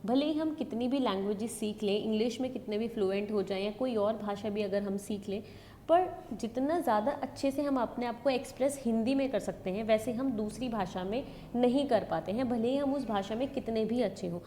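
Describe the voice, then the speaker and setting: A woman with a North Indian accent gives an explanatory lecture in a fairly high, mellow voice, talking a little fast. She mixes in English terms and rephrases key points, while hall reverb and background noise fill the recording.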